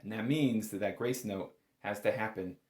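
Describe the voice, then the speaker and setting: At a moderate pace and in a lowish, darkish voice, a bagpipe instructor gives a casual music lesson. He tends to hedge and self-correct, stressing the key words. Echoing room sound fills the recording.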